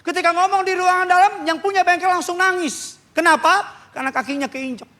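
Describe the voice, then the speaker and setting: A man preaching a sermon as pastor, swinging from low murmurs to loud calls and asking the congregation to respond. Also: fairly even intonation, a little fast. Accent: Indonesian. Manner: asks congregation to respond and turn to neighbours.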